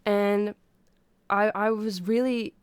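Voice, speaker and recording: A woman sick with a stuffy nose chats casually to her livestream, speaking haltingly and pausing to breathe through her mouth. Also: mid-range voice, steady tone, smooth, dry recording. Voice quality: congested, stuffy-nosed. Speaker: livestreamer talking to viewers. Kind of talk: casual unscripted chat.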